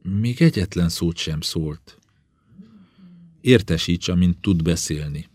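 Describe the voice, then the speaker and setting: A man reading the part of a young judge, speaking in a measured, serious way. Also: deep voice, animated, darkish tone, no room sound. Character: young male judge, earnest and dutiful.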